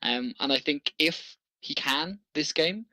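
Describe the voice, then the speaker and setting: An esports caster with a high-ish, bright, forceful voice casts a video game match at a measured pace, with no room sound. His casual commentary is enthusiastic and analytical as he talks through strategy, often chuckling.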